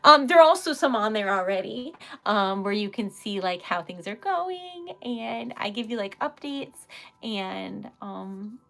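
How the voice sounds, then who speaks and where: A woman's voice: mid-range voice, animated, unhurried, vocal fry, fairly bright tone. A woman with a Rhode Island accent chatting casually and animatedly as she hosts a livestream, rambling and giggly. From Rhode Island, United States. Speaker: livestream host, independent artist.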